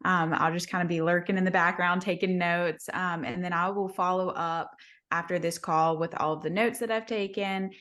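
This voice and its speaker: Brisk, helpful woman coordinator. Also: on the low side, fairly even intonation, fairly bright tone. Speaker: state coordinator. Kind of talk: self-introduction on a video call.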